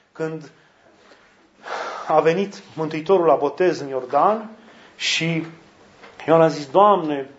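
A man's voice: a little high, darkish tone, reverberant, muffled recording. A man preaching a sermon in an earnest manner, often putting rhetorical questions to his listeners.

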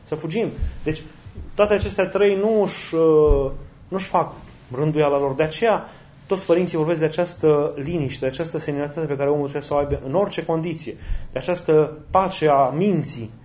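A man's voice: a little high, darkish tone, muffled recording. A man preaching a sermon in a conversational way, asking rhetorical questions and acting out short quotes.

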